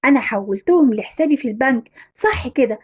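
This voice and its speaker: Lady putting on an egyptian dad who loses his temper, quick high voice, shouting at his family. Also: expressive, breathy edge. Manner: scolding, shouting in anger. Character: stern middle-aged Egyptian father, hot-tempered.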